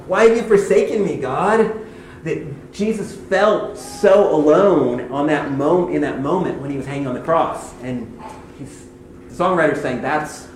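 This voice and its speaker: Man, Bible teacher, devotional hymn teaching, conversational, slightly high voice, echoey room. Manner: conversational, reads scripture slowly. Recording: echoey room, faint background noise.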